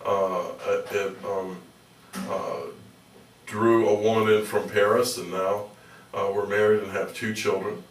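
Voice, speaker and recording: A middle-aged American man telling stories as a radio interview guest, rambling and halting with dry humor. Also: on the low side, little pitch movement. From Pittsburgh, United States. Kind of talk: conversational radio interview storytelling. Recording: echoey room, distant from mic.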